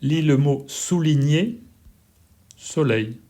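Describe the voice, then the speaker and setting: A man's voice: fairly high pitch, takes it slowly, dark tone. A man teaching classroom instructions, speaking patiently, repeating words and spelling them letter by letter. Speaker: French teacher. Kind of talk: slow classroom instruction video.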